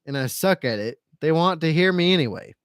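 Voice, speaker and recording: A man's voice: a little high, lively intonation, brisk, smooth, dry recording, studio quality. A man hosting a casual live stream, reading out chat comments and rambling repetitively in a self-pitying, resigned, sweary way. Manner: rambling and repetitive, circling back over phrases.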